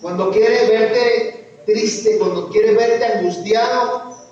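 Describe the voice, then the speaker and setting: A Mexican man preaching with passion, his voice pitched very high and asking question after question. He sounds far from the mic, with long reverb filling a big room. The sound is dull and muffled. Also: takes it slowly, darkish tone, slight background noise. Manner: impassioned preaching with repeated rhetorical questions. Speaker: pastor. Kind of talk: sermon. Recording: echoey hall, distant mic, dull sound.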